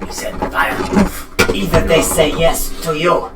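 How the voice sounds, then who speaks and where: Man doing a slow, sly reptile creature. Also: on the high side, very animated, heavy background noise. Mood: scheming. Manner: halting broken English with drawn-out "ah"s. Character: sly, wary reptile creature with broken speech. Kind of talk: in-character tabletop role-play. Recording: roomy echo, music underneath.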